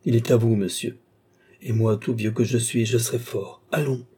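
A man's voice: mid-range voice, flat delivery, moderate pace, mellow, breathy edge. A man reading aloud and playing a fervent, pleading old man who is searching for a lost boy. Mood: urgent. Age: older.

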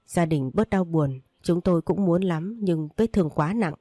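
A woman's voice: lowish voice, normal speed, dark tone, dry recording, clean studio sound, lightly acted. Solemn male doctor, read by a woman. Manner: formal, apologetic. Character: middle-aged male doctor, solemn and formal.

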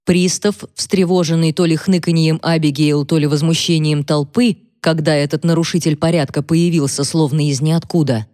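A woman narrating a novel as an audiobook reader, in a measured, steady reading. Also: low-pitched, no echo, studio quality. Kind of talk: scripted narration.

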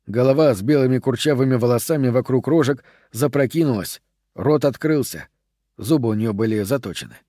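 Guy reading an audiobook, steady mid voice, dry close sound. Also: medium pitch, no echo. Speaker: audiobook narrator. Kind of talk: scripted audiobook narration.

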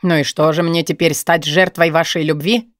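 Woman playing a smug young man, deep lowered voice, cold, lazy, sneering, dry audiobook read. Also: fairly even intonation, moderate pace, dry recording, close to an everyday voice. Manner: cold, sneering, lazily drawling. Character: menacing young male student, smug blackmailer.

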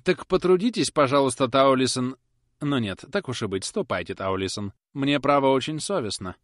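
A man's voice: lively intonation, normal speed, dry recording, studio quality, natural voice. A man reading an audiobook and voicing a timid, fussy genteel lady who speaks in a hesitant, fawning way. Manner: hesitant, fawning, high-pitched.

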